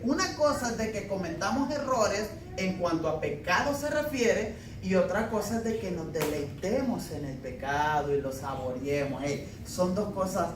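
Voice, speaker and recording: A man preaching a sermon with emphatic swells and wry, down-to-earth asides. He is picked up from some distance in a reverberant church hall, with a faint hiss behind him. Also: very high-pitched. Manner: emphatic preaching mixed with homey humor and anecdotes. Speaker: pastor. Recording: echoey room, mic at a distance, faint background noise.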